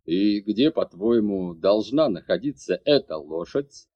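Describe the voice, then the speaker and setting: A stern, cold dragon lord and father from a fantasy audiobook, read by a man. He speaks curtly and commandingly in a dark, mellow tone. The lo-fi recording is dull. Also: fairly low pitch, animated, unhurried, voice pushed down. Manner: curt, commanding.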